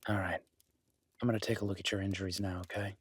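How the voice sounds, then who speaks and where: For an intimate audio drama, a man plays a gruff, skeptical loner living in a remote cabin, acting in an immersive, naturalistic roleplay. His low, rough-edged voice keeps a level tone at a quick pace; he's blunt and sweary yet grudgingly caring, sounding apologetic and reassuring. It's recorded close and very dry, with no room sound.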